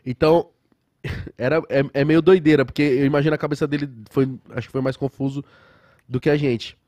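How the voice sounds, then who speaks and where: A man telling stories as a podcast guest in casual chat, animated and full of slang. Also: a little high, brisk, dry recording. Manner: animated storyteller, heavy slang.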